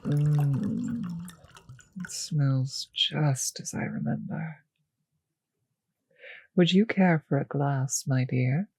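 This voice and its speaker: A woman performs a refined, possessive and predatory female vampire in an intimate audio drama, her low, husky, darkish voice recorded close and very dry with no room sound. She speaks slowly, teasing with condescending endearments and drifting into whispers. The mood is wistful and knowing.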